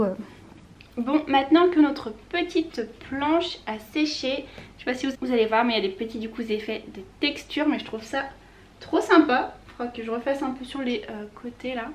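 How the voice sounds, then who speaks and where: High-voiced woman chatting through a DIY vlog. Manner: chatty, relaxed, full of small hesitations. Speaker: lifestyle vlogger. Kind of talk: casual DIY vlog chat. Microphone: compact camera mic.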